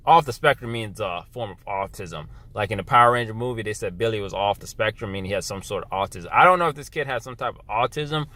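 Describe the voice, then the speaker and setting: A young man ranting to camera in a blunt, profane casual vlog, dropping to a low mutter and then jumping to loud outbursts. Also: expressive, quick pace, hardly any pauses. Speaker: vlogger. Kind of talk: casual opinion rant.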